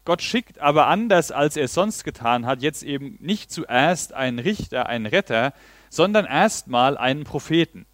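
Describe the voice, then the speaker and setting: A man's voice: on the high side, animated, normal speed, fairly bright tone, no room sound. Earnest male preacher, dry close sound. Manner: earnest, reads Bible passages aloud. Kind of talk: sermon.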